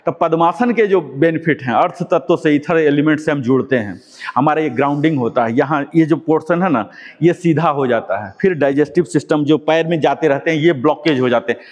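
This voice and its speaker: A man's voice: fairly high pitch, brisk, highs cut off. A man leading a live yoga class, explaining each step patiently and repeating key words. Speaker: yoga instructor. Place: yoga class with students present. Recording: long echoing room reverb.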